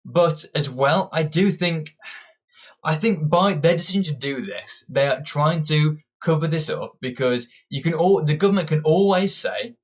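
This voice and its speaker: This young British commentator has a husky, slightly high voice and talks at a normal speed. His political monologue is opinionated, combative and ranting, with many restarted sentences.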